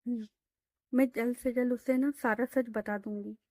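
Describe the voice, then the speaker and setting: A woman's voice: fairly high pitch, fairly even intonation, moderate pace, darkish tone, no echo, clean studio sound, natural voice. A woman voicing a playful young woman who teases her friends in breezy, casual slang.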